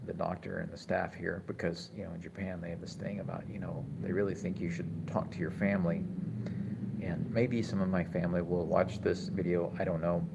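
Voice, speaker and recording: A man in his forties with a very deep, gravelly voice speaks slowly in a reflective, halting way, often restarting his sentences. He talks casually on a live stream from a hospital room, with clear room noise behind him. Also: little pitch movement. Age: 40s. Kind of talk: casual live-stream talk reading chat.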